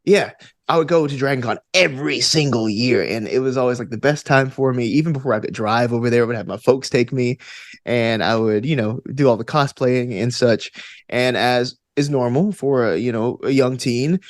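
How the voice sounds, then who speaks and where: An American actor and game master, appearing as an interview guest, tells stories casually and with enthusiasm, peppering his speech with "like" and "you know." His voice is mid-range at a moderate pace, recorded dry with studio quality.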